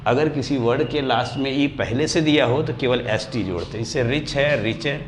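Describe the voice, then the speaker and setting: A man teaching English grammar, his voice at an ordinary middle pitch for a man. He drags out example words slowly, syllable by syllable, and calls his students dear children. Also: a little hiss or hum. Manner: slows right down and stretches example words to spell them out. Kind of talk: classroom grammar lesson.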